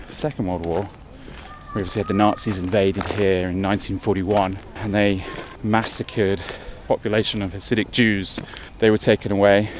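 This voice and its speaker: An English man talking while walking uphill outdoors for a travel vlog, chatty and thinking aloud, a bit out of breath. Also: on the low side. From England. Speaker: travel vlogger. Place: outdoors on a city hill walk. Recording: faint outdoor street noise.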